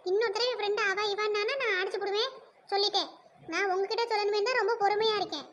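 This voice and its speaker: A woman's voice: very high voice, fairly even intonation, quick pace, fairly bright tone, lo-fi sound. A woman voicing an exasperated cartoon mother who keeps scolding her two quarrelling daughters. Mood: fed up. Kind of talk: cartoon voice acting.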